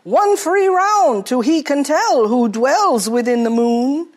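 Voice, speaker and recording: A man's voice: extremely high pitch, animated, slow pace, full character voice. A woman voicing a jovial, somewhat hapless tavern barkeep speaking in rhyme. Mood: hearty.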